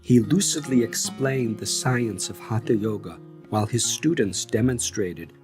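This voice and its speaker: A man narrating a memoir audiobook in a measured, reflective way. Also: on the low side, a little mellow. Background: faint guitar music.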